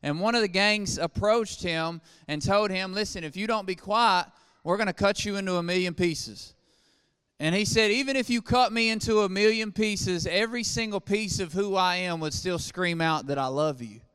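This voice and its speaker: A man from Eastern Kentucky who leads a ministry gives a preaching testimony talk in a church sanctuary, earnest and plainspoken with frequent fillers. His voice is high-pitched, a bit bright, clear and resonant at a moderate pace, with the long reverb of a church hall.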